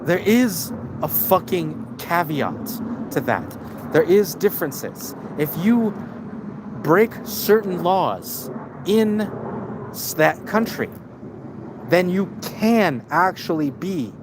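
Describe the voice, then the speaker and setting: A man's voice: a little high, very animated, takes it slowly, background noise. A man hosting a live stream, ranting casually in a rambling, profane way with frequent restarts. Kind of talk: casual rant.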